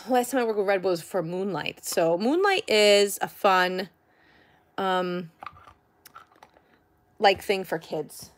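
A woman's voice: mid-range voice, slow pace, pauses often. A woman, chatty and girlish, gushing casually as she hosts a toy and candy unboxing vlog. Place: indoors at home, by a tabletop.

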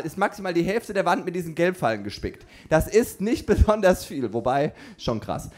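A male stand-up comedian telling a rambling story live, full of fillers and restarts, who banters with the audience and bursts into shouts at the punchlines. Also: sits high.

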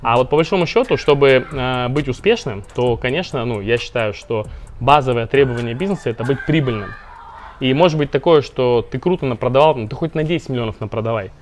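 A man's voice: mid-range voice, fast, slight background noise. A man, founder of a finance company, explaining money matters in a casual interview with lots of fillers and restarts.

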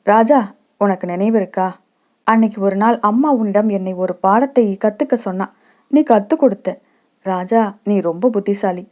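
A woman voicing a young village girl who fondly recalls childhood memories with her sweetheart, speaking in an affectionate, wistful way, with a mellow tone. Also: mid-range voice, normal speed, lightly acted.

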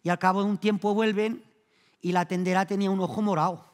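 A man from Spain doing a stand-up comedy monologue, acting out the people in his jokes with raised, louder voices. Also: high voice, steady tone, quick pace. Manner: acts out the joke characters in raised, louder voices. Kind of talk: comic monologue telling jokes. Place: theatre stage before an audience. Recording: long reverb of a theatre hall.

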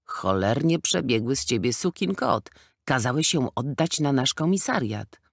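A man's voice: medium pitch, sing-song, normal speed, vocal fry, no room sound, studio quality. A man voicing a skinny, careless, wisecracking male policeman in a storybook reading, mocking and laughing. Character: skinny jokey small-town male policeman.

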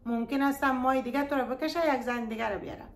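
Lady w afghan dari accent, pretty high voice, earnest advice vlog, keeps pleading with her viewers. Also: fairly even intonation. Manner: pleading, addresses listeners fondly. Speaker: YouTube storyteller giving advice.

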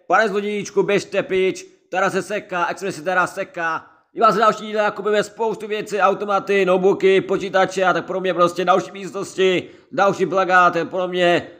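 A man's voice: high-pitched, a bit bright. A man with a head cold giving chatty, repetitive commentary on his gameplay and constantly addressing his viewers. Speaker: gaming let's-play creator.

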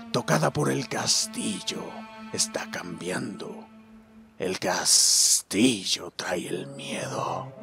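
A man voicing a mysterious, solemn stranger in a video game, reading the lines slowly and gravely, sometimes in a whisper. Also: low voice, voice pushed down, full character voice. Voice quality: slow, hushed, grave. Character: mysterious solemn stranger telling dark lore. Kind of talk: reading game dialogue aloud.

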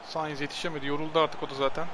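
A young man giving excited live commentary on a football video game, repeating his phrases urgently. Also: a little high, rapid-fire. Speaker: gaming streamer. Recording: clear game crowd noise behind.

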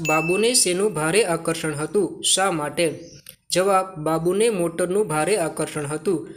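A high-pitched male teacher with a Gujarati accent reads out textbook questions and answers. He keeps a steady question-and-answer rhythm.

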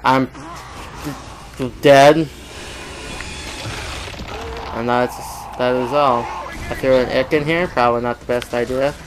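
A man giving casual let's-play commentary on a shooter game, excitable and self-mocking, talking to the game and repeating words in bursts. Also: medium pitch, takes it slowly, long pauses, faint music behind, low-quality recording. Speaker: gamer playing a shooter game.

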